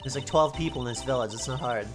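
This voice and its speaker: A woman's voice: quick pace, music in the background. A woman from the United States playing and reading a game on stream, sarcastic and swearing freely in casual commentary. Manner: sarcastic, swears, jumpy pitch.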